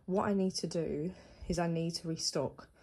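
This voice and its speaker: A woman's voice: lowish voice, fairly even intonation, moderate pace, darkish tone, slightly rough. A woman who runs a small business, chatting casually through her stock with many fillers and sounding a little out of breath. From United Kingdom. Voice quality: filler-heavy, chatty, thinking aloud. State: slightly out of breath. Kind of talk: casual vlog walkthrough.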